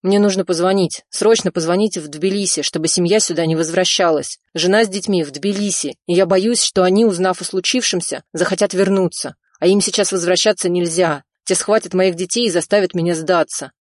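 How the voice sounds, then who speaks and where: A woman's voice: on the low side, a little fast, hardly any pauses, dry recording, clean studio sound, close to an everyday voice. A woman reading the part of a frightened Georgian man on the run, speaking tensely and insistently. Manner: tense, insistent, shouting on the phone.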